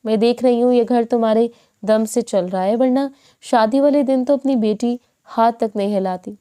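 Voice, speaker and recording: A woman's voice: a little high, warm tone, clean tone, close to an everyday voice. A woman voicing a kindly middle-aged neighbor auntie who speaks in a sympathetic, motherly way.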